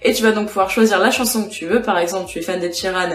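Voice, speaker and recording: A woman's voice: medium pitch, fairly even intonation, fast talker. A young woman giving casual tips to her viewers in a chatty vlog, talking straight to the listener. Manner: chatty, addresses viewer directly. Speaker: vlogger. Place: indoors at home with a cat. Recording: echoey room with faint music.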